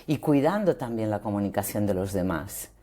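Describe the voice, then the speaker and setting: A woman, a voice coach explaining ideas in an interview, expressive and acting out example phrases. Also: a bass voice, normal speed.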